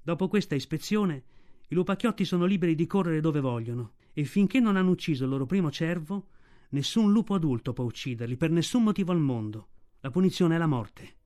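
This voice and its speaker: A man narrating a story aloud in a steady storytelling delivery. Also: fairly high pitch, brisk. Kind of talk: audiobook reading.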